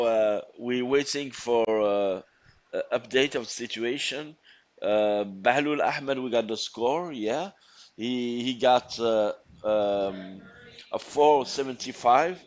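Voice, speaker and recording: Moroccan man commentating, dull lo-fi sound. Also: medium pitch. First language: Arabic. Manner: non-native English phrasing. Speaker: sports commentator. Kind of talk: live sports commentary.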